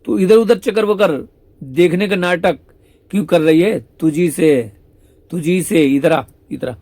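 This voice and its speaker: A man's voice: high-pitched, a little slow, mellow, dry recording, pitched above the performer's own voice. A man voicing Krishna as a divine young cowherd who scolds with exasperated, teasing reproach. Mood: scolding.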